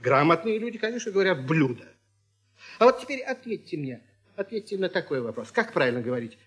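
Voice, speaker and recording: Husky, ironic middle-aged teacher man. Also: high voice, very animated, fast, a bit bright, faint music behind. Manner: mock-stern, ironic lecturing. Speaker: radio host as teacher. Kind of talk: scripted children's radio comedy.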